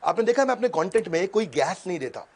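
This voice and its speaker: A man coaching an audience in an energetic motivational seminar, talking in quick punchy bursts and sudden pauses, dropping English catchphrases in. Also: high voice, slightly rough. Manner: mixes English catchphrases into Hindi. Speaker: business coach.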